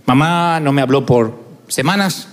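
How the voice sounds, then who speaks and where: A man, preaching a storytelling sermon that swings from hushed asides to loud, emphatic preaching. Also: mid-range voice, unhurried. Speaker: pastor.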